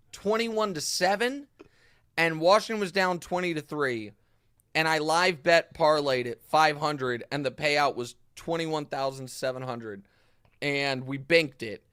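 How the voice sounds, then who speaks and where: A man hosts a sports talk show, full of emphatic restarts and sudden bursts of energy. His voice sits a little high and sounds bright and forceful. The sound is dry and close, with no room echo. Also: measured pace, smooth. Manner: animated, emphatic, frequent restarts. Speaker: host.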